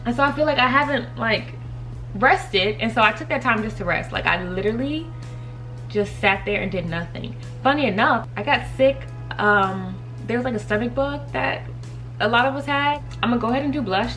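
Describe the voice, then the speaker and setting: A thirty-year-old woman, a vlogger who covers beauty and faith, chats casually while putting on her makeup in a tutorial. Her voice is mid-range and fairly bright, and she giggles often as she speaks directly to her viewers.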